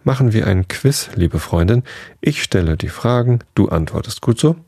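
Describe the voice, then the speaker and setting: A man voicing a playful, lanky grown man who teases with sing-song quiz questions, his voice lifted above his own low, gravelly tone. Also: lively intonation, moderate pace, dark tone, no room sound, clean studio sound. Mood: teasing.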